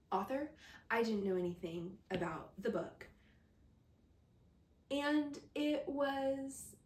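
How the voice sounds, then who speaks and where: A woman reviewing books in a chatty, gushing casual talk, with frequent laughs, recorded from a distant mic in a roomy space. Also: a little high. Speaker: book reviewer. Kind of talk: casual chat.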